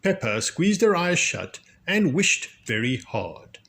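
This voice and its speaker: On a children's read-aloud channel, a man reads a storybook from a script with expressive narration. He speaks slowly and deliberately, his pitch swinging in a lively, animated way.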